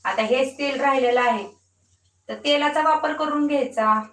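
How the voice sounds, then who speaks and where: A woman's voice: high voice, normal speed. A woman cooking at home and chatting to viewers while coaxing and scolding a small child. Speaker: home cooking vlogger and mother. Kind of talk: casual cooking vlog chat. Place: home kitchen. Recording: echoey room, voice far from mic, noisy background.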